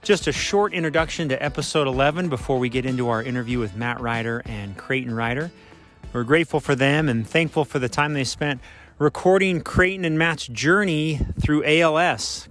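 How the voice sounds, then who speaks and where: Brisk, upbeat male podcast host. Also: mid-range voice, a bit bright. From Utah. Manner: brisk, upbeat delivery with frequent fillers. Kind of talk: podcast introduction and announcements.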